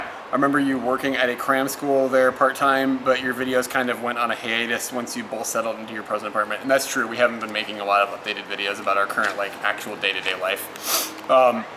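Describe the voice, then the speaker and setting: This clip has a mid-range male voice against a noisy background. The speaker is a young vlogger from the United States who also teaches elementary school. He chats easily with his audience and takes their questions, peppering his stories with "like" and frequent laughter.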